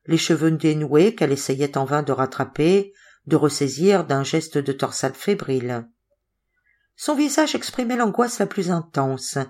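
Woman reading a novel aloud, low-pitched. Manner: measured, expressive storytelling. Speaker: audiobook reader. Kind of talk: audiobook narration of a classic novel.

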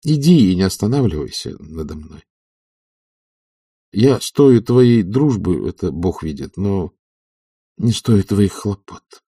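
A man reading an audiobook, voicing a weary, apathetic middle-aged gentleman who talks in a soft, pleading, subdued way. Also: low-pitched, lively intonation, slow, pauses often, slightly rough, no echo, clean studio sound, distant mic, exaggerated voice. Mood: resigned.

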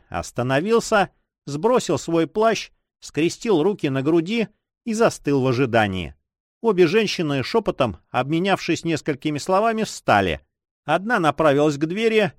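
A man narrating an adventure novel aloud with expressive storytelling. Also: a little high, no echo, clean studio sound. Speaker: audiobook reader. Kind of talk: scripted narration.

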